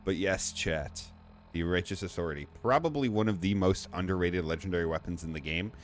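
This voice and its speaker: A man's voice: low-pitched, brisk, a little hiss or hum. A man giving casual, chatty gameplay commentary, rambling and correcting himself as he plays. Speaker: gaming video creator.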